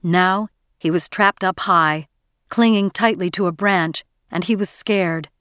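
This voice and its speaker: A woman narrating an audiobook in a measured, even storytelling manner, close to the mic. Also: on the low side, no room sound. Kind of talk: scripted narration.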